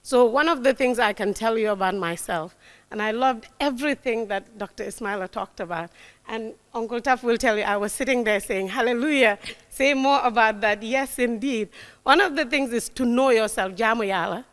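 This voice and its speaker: Speaking at a normal speed in a voice a little on the high side, this woman in her forties is a guest speaker delivering a motivational talk to youth in a lecture hall. She's warm and emphatic, repeats key words, and keeps asking "right?", all under long hall reverb.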